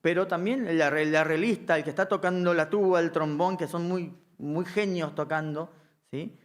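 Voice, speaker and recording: A man in middle age lectures on directing a band. His voice sits a bit high for a man. He talks in a live classroom way, tossing in quick checks that everyone is with him. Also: steady tone. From Argentina. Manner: keeps checking understanding with a quick "¿sí?". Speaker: music director teaching a course.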